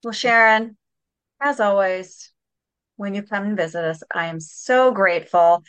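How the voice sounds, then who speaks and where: A woman's voice: mid-range voice, measured pace, a bit bright, smooth, no room sound. A woman hosting a live parenting session, upbeat and encouraging with her guest and the parents. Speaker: host.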